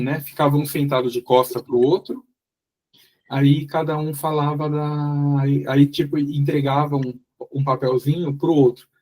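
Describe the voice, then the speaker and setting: A Brazilian man leads a relaxed mentoring chat over a video call. His voice sits a little high with a husky edge. He rambles, restarting and repeating words as he thinks aloud. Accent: Brazilian Portuguese. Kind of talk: casual group mentoring chat.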